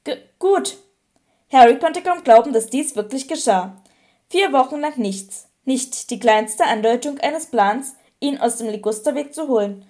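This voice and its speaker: A woman narrating an audiobook with clear, even storytelling. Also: a little high, normal speed. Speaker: audiobook reader.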